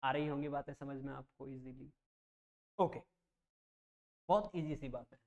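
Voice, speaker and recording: A man's voice: mid-range voice, a little slow, a little mellow, dull audio. A man teaching an online math lesson as a coaching teacher. He talks patiently, repeats each step and keeps checking whether the students follow. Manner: reassuring, plain explanations.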